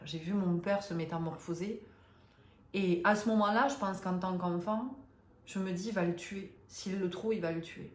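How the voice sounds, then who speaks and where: A woman in her fifties telling a personal story to her viewers, hesitant and emotional, with many fillers and restarts. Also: on the low side. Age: 50s. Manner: emotional, confiding. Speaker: spiritual vlogger. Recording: roomy echo.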